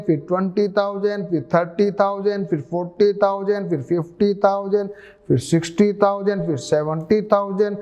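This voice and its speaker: High-voiced, slow-speaking maths teacher. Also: male voice, a little mellow, dull audio. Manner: explains slowly step by step, asks students questions. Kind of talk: classroom maths lesson.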